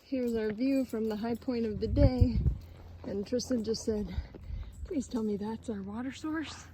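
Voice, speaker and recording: This is a family hiking vlogger, a woman with a high voice, talking casually as she walks a trail outdoors. She keeps a measured pace but stays chatty and upbeat, often laughing, over a noisy outdoor recording.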